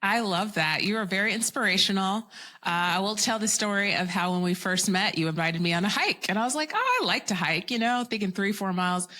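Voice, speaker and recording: A woman's voice: medium pitch, animated, fairly quick, bright, forceful tone. A woman hosting a podcast, enthusiastic and encouraging as she talks with her guest. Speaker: podcast host. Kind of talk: casual interview chat.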